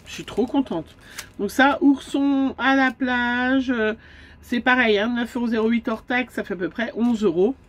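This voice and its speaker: A woman's voice: a little high, normal speed. A woman with a stuffy nose chatting casually in a camper van about her craft supply haul, full of fillers and asides. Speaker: craft vlogger.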